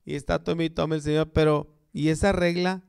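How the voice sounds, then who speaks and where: Male host, high gravelly voice, unhurried chatty joke-telling, laughs at own gags. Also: level tone, a little mellow. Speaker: show host telling jokes. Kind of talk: casual live-stream joke telling.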